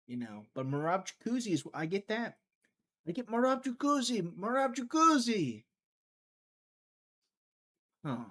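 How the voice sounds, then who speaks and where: With a voice on the high side, this male host of a live prediction stream keeps things chatty. He works through his thoughts aloud and addresses chat directly, sometimes fading into mumbling.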